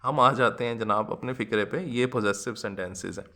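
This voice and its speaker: A man, teaching English grammar to students in a lecture, checking often that they follow and reading English examples slowly and deliberately. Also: on the low side, pushed and bright. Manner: addresses students as "janab" and "beta ji", often asks "theek hai". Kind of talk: classroom lecture.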